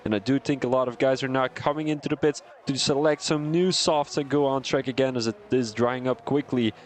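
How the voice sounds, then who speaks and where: This is live sim racing stream commentary from a young Belgian-accented man who's excitable and talkative, laughing and rambling between calls. He speaks fairly quickly at a medium pitch.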